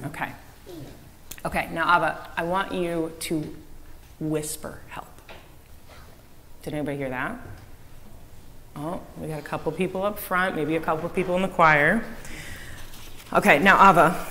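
A woman giving a children's message in a church service, asking the kids lively questions and echoing back their answers. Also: low voice, normal speed, long pauses. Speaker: director of faith formation giving a children's message. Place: church sanctuary with a choir. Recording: long church reverb, faint room noise.

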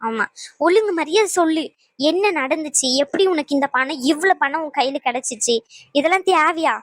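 A woman voicing an exasperated middle-aged mother in a cartoon, who scolds loudly and wails. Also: sits high, normal speed, no room sound, lightly acted. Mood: scolding, wailing. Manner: loud, scolding, wailing. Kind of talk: cartoon voice acting.

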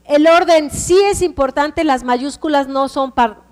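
Female instructor, Mexican accent, high-pitched, patient step-by-step classroom delivery, reverberant room. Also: measured pace, a little mellow. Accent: Mexican Spanish. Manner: explains step by step, checks in with the class often. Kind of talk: classroom teaching.

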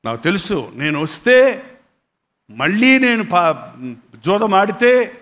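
A man's voice: high voice, big pitch swings, slow, fairly bright tone, heavily acted. A man voicing a remorseful young ex-gambler who firmly refuses his old friend, told within a sermon. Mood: resolute. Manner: firm, resolute refusal.

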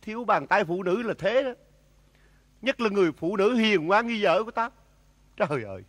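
A man's voice: sits high, normal speed, fairly bright tone. A man playing out a comedy sketch, wailing and lamenting in an overdone way. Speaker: comic actor. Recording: music playing behind the voice.

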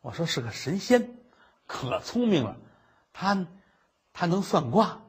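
A man voicing a cheeky, teasing young maidservant in a husky voice. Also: sits high, sing-song, unhurried, heavily acted.

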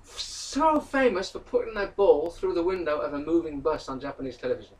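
A man's voice: fairly high pitch, brisk. A man co-hosting a casual podcast, answering quiz questions with jokes and wisecracks. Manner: joking, wisecracking. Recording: distant mic.

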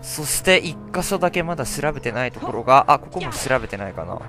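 Lively young man playing a game. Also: medium pitch, quick pace. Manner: chatty, talks to himself while playing. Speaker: let's play host. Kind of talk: let's play commentary. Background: faint game music.

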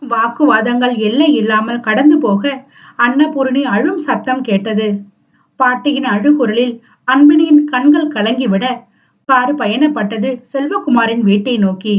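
A woman narrates a romance novel aloud in a fairly high voice, telling it expressively. The sound is dull and lo-fi. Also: unhurried. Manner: expressive storytelling. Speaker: audiobook narrator. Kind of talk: scripted narration. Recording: dull lo-fi recording.

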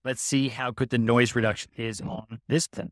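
A man doing a quick casual sound check beside street traffic, heard after AI noise reduction that leaves artifacts. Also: medium pitch, level tone, a bit bright, no room sound. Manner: brief, offhand sound-check talk.

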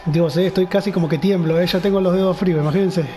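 A man's voice: high-pitched, steady tone, quick pace, mellow, soft background music, low-quality recording. A man with a Rioplatense Spanish accent narrating a horror game, muttering nervously and frightened to himself. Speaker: gamer. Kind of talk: horror game let's play commentary.

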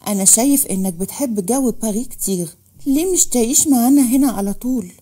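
A woman voicing a foreign woman who coaxes in halting, broken phrasing. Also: on the high side, animated, warm tone. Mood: coaxing.

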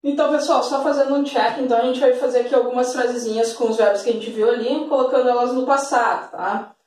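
A woman's voice: a little high, fairly even intonation, fast talker, darkish tone, recorded from a distance. A woman teaching an English grammar lesson, patient and full of diminutives, checking in often with tag questions. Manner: fond of diminutives. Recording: very echoey room, voice off the mic.

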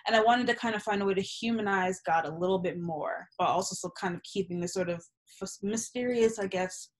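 She talks fairly quickly at medium pitch, a young poet and native Yoruba speaker being interviewed on a video call through her laptop webcam. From a small room at home, the relaxed, reflective conversation about her writing is animated and candid, with swearing and lots of gesturing.

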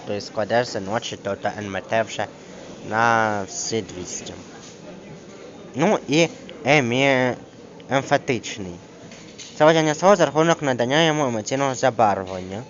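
Hesitant man tutoring, lo-fi recording. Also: medium pitch. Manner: hesitant, with many fillers, reads examples slowly. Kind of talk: casual one-on-one grammar lesson. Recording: dull lo-fi screen recording with clear background noise.

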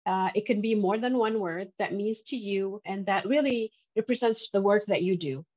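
A middle-aged woman hosts a conversational interview with a guest over a video call from an indoor room. Her mid-range, darkish voice moves at a moderate pace, and the call audio is muffled and band-limited.

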